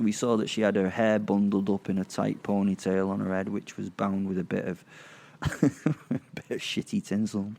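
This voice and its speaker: In a deep, darkish voice, a man narrates a horror audio drama in character and in the first person. His delivery is sardonic and halting, punctuated by dramatic pauses.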